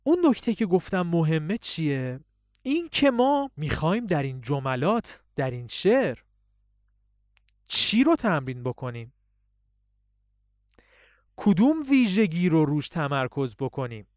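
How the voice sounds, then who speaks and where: A very animated man gives a spoken lesson on public speaking, explaining techniques and reciting poetry as examples. He pauses often and swings his voice high and low in drills, recorded at studio quality with no room sound.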